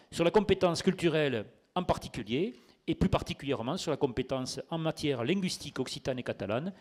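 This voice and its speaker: A man's voice: mid-range voice, darkish tone. A man introducing a public debate in semi-improvised oratory, with rhetorical questions and repeated words as he searches. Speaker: debate moderator, lawyer.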